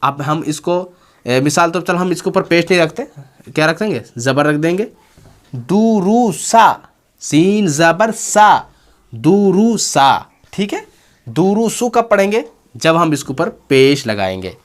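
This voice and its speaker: Patient male teacher drilling slow syllables. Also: on the high side, big pitch swings. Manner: stretches syllables slowly in spelling drills; patient, repeats "okay" often. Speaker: Arabic reading teacher. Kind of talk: board lesson.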